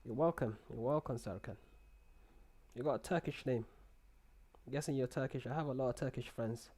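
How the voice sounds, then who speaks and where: Speaking a little fast in a warm, medium-pitched voice, a young man runs a live trading stream from a small room through a headset. In casual chat he responds to viewer comments, with many restarts and repeated words.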